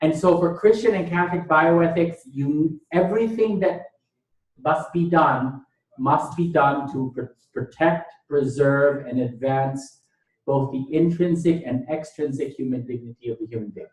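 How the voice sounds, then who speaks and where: A man from Thailand, a bioethicist, lectures in an indoor lecture room, his voice a little high and a little slow. He speaks emphatically, repeating key phrases and posing rhetorical questions. The room is echoey and the mic distant.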